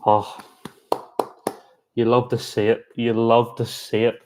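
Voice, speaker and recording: A man giving chatty, excitable live reaction commentary on a rugby match, breaking into exclamations. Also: medium pitch, takes it slowly, background noise. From Ireland. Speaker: sports reaction streamer.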